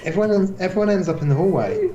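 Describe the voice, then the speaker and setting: A man's voice: high voice, wildly swooping pitch, quick pace, dull audio, crowd noise. A man who develops games, speaking as an interview guest with wry, dry humor. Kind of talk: casual interview. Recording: echoey room.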